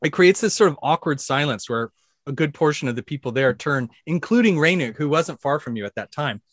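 A man running a tabletop game as dungeon master, narrating the brawl with excited energy and shouted sound effects. His voice sits a little high. The sound is dry and close. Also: fairly quick, dry recording.

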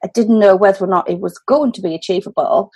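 A woman in her thirties from the Welsh valleys, a business owner guesting on a podcast, tells her story conversationally in a Valleys accent. Her voice is mid-range, mellow and husky, and she talks quickly.

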